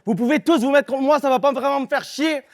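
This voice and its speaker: A man from Quebec with a Québécois accent rapping a live battle verse. His voice sits very high for a man. He hits his rhymes hard and confrontationally. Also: quick pace, darkish tone. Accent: Québécois French. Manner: aggressive rhymed delivery, punchy and confrontational. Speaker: battle rapper. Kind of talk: live battle rap performance.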